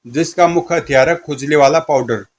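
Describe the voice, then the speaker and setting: Lively male storyteller. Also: fairly high pitch, a little fast. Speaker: narrator. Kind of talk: Hindi comic audio story narration.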